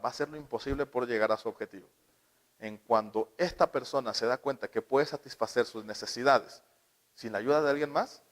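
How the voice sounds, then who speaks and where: A man giving a live talk to parents about child development, often asking them questions and acting out short quoted scenes. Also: on the low side. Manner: asks the audience questions and acts out little quoted scenes.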